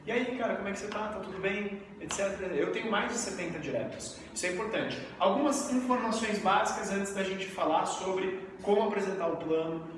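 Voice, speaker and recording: A man in his thirties from Brazil, giving a lively live training talk and asking the audience questions. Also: sits high, brisk, few pauses. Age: 30s. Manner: energetic, asks the audience questions. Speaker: network marketing trainer. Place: event room with audience. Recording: echoey hall, mic far off, faint hiss.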